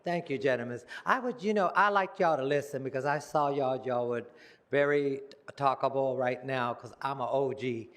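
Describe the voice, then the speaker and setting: A man's voice: mid-range voice, normal speed, a bit bright. A man in his seventies giving a rambling public comment at a city council meeting, repeating himself and trailing off. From United States. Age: 70s. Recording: long reverb of a council chamber.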